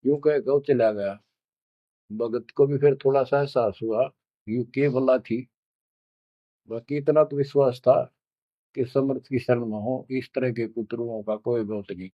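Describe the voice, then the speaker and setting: Male preacher, slow storytelling sermon, dry dull lo-fi sound. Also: medium pitch, steady tone, dry recording. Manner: slow, addresses listeners as children, chants verses drawn out. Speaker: spiritual preacher. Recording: dull lo-fi recording.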